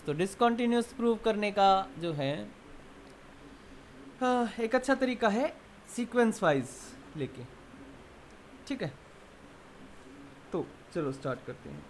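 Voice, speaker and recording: A male math lecturer teaching a class, moving between Hindi and English. His pitch swings widely as he asks quick questions and answers them himself. A faint hiss sits under the voice. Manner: keeps quizzing students with quick check questions; explains step by step, then answers his own questions.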